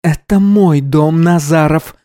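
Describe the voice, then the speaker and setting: A man's voice: a little high, takes it slowly, dark tone, voice pushed up. A man voicing a defiant young panther woman. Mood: angry. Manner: curt, scolding, defiant. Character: sharp-tongued young woman, panther shapeshifter.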